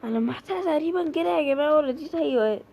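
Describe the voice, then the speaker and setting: This horror let's play features a female gaming creator with an Egyptian Arabic accent talking to her audience and yelping at the scares. Her high voice races along, and the sound is lo-fi with a noisy background.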